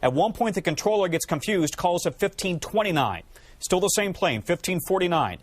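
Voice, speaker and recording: A man's voice: sits high, expressive, moderate pace. A man presenting news, explaining things in plain commentary.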